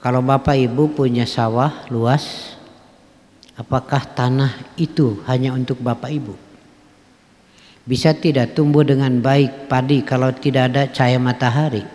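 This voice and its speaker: Preaching in a mosque hall full of long reverb, this Sundanese-accented man has a steady, darkish mid-range voice and a measured delivery. He keeps things folksy, sprinkling in local phrases, chuckling, and quizzing his listeners.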